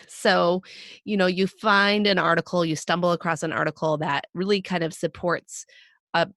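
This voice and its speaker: A woman co-hosting a podcast with a scratchy, raspy voice, hoarse from a cold, explaining points in a relaxed, chatty way. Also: on the low side, no echo, clean studio sound. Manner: explanatory, laid-back, with frequent fillers. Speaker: podcast co-host. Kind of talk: casual podcast discussion.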